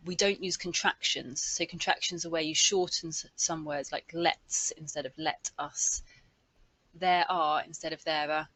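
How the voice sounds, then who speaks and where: An English for academic purposes teacher gives an instructional presentation lecture with examples, explaining points and stressing key words. Her voice is lowish, a bit bright and husky, recorded without room sound but with poor audio quality.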